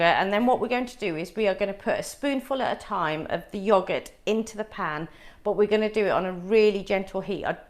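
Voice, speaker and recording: A middle-aged woman whose first language is Punjabi teaches a live cooking class, guiding viewers through each step. She speaks at a mid pitch in a friendly, chatty way.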